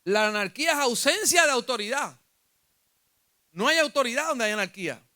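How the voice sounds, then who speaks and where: A man's voice: very high voice, lively intonation, moderate pace, sharp tone. A man with a Puerto Rican accent preaching a sermon as pastor, asking his congregation questions and rising when he retells scripture. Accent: Puerto Rican Spanish.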